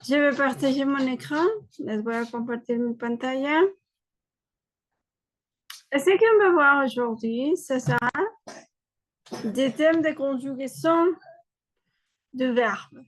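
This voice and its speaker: Woman w/ teaching french online, high voice, slow and patient. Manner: slow, explains step by step, switches between French and Spanish. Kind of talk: online class lecture.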